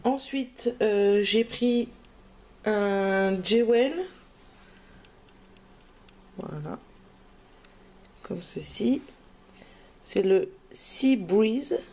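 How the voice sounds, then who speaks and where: A woman's voice: mid-range voice, extremely slow, long pauses, mellow. A woman crafting vlogger, talking in a casual, hesitant way with many fillers as she shows her purchases. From France. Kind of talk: casual haul video.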